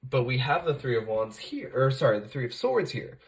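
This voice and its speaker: A channel host with a slight cold reads tarot casually to camera, coughing occasionally. He is very animated and a little fast in a mid-range voice, speaking loosely with plenty of "uh" and "like" and catching and fixing his words mid-sentence.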